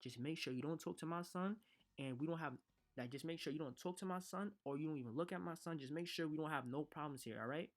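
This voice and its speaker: A man's voice: fairly high pitch, fast talker, close to an everyday voice. A man doing a fiercely protective mother. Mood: firm. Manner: firm, confrontational.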